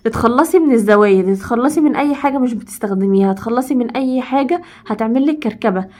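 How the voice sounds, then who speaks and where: A woman's voice: a little high, animated, fast talker, a little mellow. A woman with an Egyptian accent giving emphatic, casual home advice to women and repeating points for stress. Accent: Egyptian Arabic.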